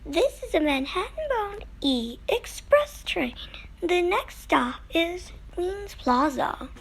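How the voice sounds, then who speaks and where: A woman's voice: very high voice, big pitch swings, slow. A woman with an American accent reading formal, scripted subway announcements over the train intercom. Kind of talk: scripted automated transit announcement. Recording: noisy subway car intercom recording.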